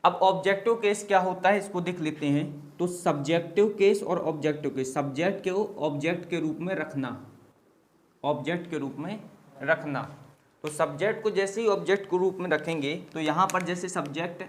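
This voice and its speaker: A teacher giving a spoken language lesson, drilling phrase after phrase with patient repetition and answering their own questions along the way. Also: medium pitch. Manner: slow patient drilling, repeating each phrase. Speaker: English teacher.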